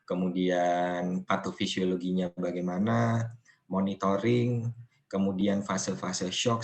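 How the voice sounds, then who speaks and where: A man giving an online nursing lecture, speaking slowly and calmly, stopping to ask his students questions. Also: fairly low pitch. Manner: slow, measured, asks students questions.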